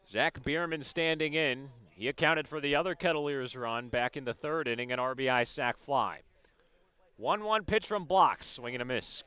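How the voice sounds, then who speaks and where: Calling a baseball game as it unfolds for radio, a man uses clipped, descriptive phrases in a medium pitch. His voice sounds pushed and bright, the tone clean and the recording dry.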